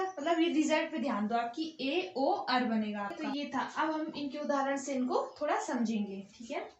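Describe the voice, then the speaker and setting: A high-pitched woman with an Uttarakhand Hindi accent explains grammar at an unhurried pace, asking a question and then answering it herself. The sound is dull and lo-fi, caught in a roomy, echoing space. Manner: asks questions and answers them herself, repeating "theek hai". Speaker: teacher. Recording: echoey room, dull lo-fi sound.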